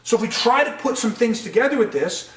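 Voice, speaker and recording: A man's voice: very high-pitched, lively intonation, fast, reverberant. A man teaching a de-escalation training session, speaking earnestly and stressing key points. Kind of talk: training lecture.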